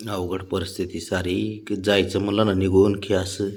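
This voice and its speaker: A man's voice: low voice, level tone, moderate pace, darkish tone. A young man, coaxing and sweet-talking his pets in affectionate baby talk. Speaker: pet owner talking to his cats. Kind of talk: casual pet vlog, coaxing baby talk.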